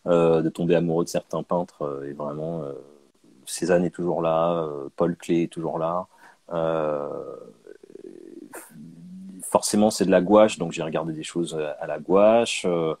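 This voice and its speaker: A man born in Canada, answering interview questions about his comic art in a hesitant, relaxed way, with many fillers and restarts. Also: deep voice, a little slow. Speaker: guest comic artist.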